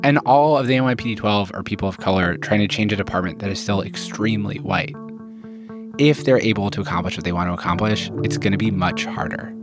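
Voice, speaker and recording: A man hosting and narrating a scripted documentary, telling the story in measured phrases with key words stressed. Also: lowish voice, music in the background. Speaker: narrator and host.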